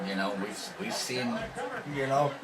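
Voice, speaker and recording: A man's voice: medium pitch, measured pace, very noisy. A man co-hosting a casual wrestling reaction chat, laughing often and restarting his sentences. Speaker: co-host of a wrestling reaction show.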